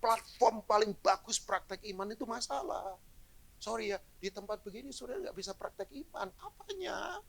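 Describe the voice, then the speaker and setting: A middle-aged male pastor preaches live to his congregation, his fairly high voice leaping around with lots of gravelly fry. He jokes with the crowd and swings from quiet asides to bursts of loud emphasis. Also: normal speed. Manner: animated, joking with the congregation, swings from low asides to loud exclamations. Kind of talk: live sermon. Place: church hall, in front of a congregation.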